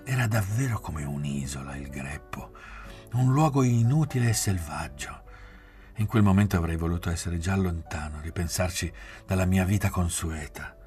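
A man reading a novel aloud in a measured, restrained way, often sinking to a near-whisper. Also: deep voice, expressive, darkish tone, soft background music. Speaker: audiobook reader. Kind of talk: literary audiobook narration.

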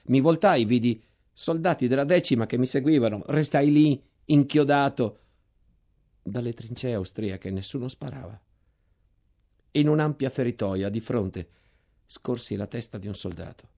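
A man reading a war memoir aloud, measured and dropping quiet in tense passages. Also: mid-range voice, lively intonation, vocal fry.

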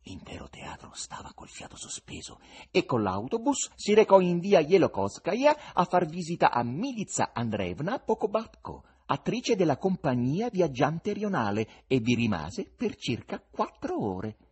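A man reading a novel aloud as an audiobook, expressive and dramatic. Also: fairly high pitch, measured pace, husky. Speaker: reader.

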